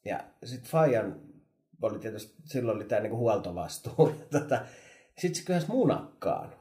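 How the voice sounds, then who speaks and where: Podcast co-host: man, animated storyteller, lower voice, roomy sound. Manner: animated storyteller, laughs often, many fillers. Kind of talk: casual chat.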